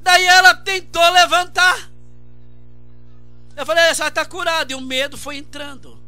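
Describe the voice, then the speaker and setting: A man with a Brazilian Portuguese accent preaching a radio sermon with passion, at times shouting repeated phrases. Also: very high voice, normal speed, no echo, faint music behind. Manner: impassioned preaching with shouted repetitions. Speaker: pastor.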